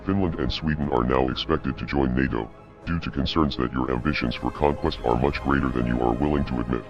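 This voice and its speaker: A man reading a scripted statement as an anonymous activist spokesperson in a disguised, pitched-down voice, cold, measured and ominous. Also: steady tone. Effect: disguised, pitched-down deep voice. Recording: dull lo-fi audio, music behind.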